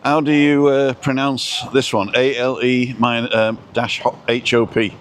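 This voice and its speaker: A Welsh man hosting a live stream chats casually while out on a walk, reading viewer comments aloud. His medium-pitched voice is flat and a little slow, and the outdoor phone recording carries a slight hiss or hum.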